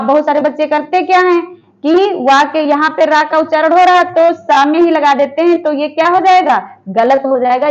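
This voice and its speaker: A woman teaching a Hindi lesson for exam preparation. She asks her students questions, answers them herself and repeats each word slowly. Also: high voice, muffled recording. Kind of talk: online exam-prep lesson.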